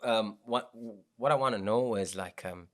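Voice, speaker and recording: A man's voice: on the low side, moderate pace, a bit bright, slight background noise. A man hosting a casual interview, hesitant and encouraging, with frequent restarts. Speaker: podcast host.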